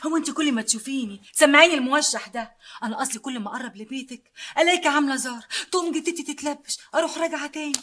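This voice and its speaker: An actress with an Egyptian Arabic accent playing a restless young woman who talks in a quick, mocking, impatient way in a TV drama. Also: high voice, a bit bright. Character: restless young woman seeking a love charm. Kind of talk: TV drama acting.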